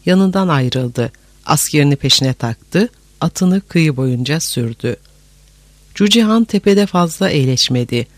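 A man narrating a historical novel as an audiobook in a dramatic, measured way. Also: on the high side, no room sound.

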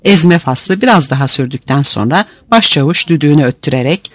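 Expressive male audiobook narrator. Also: on the high side, fairly quick, no echo. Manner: vivid, expressive reading.

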